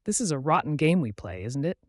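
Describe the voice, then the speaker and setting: A man voicing a tender and fragile young woman in love, speaking softly and pleadingly in an audiobook reading. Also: on the high side, big pitch swings, a little fast, no room sound, clean studio sound. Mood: wistful.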